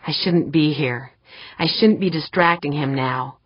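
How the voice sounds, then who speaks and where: A woman's voice: low voice, unhurried, breathy edge, dry recording. A woman voicing an anxious woman talking to herself about her partner. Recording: dull dry lo-fi recording.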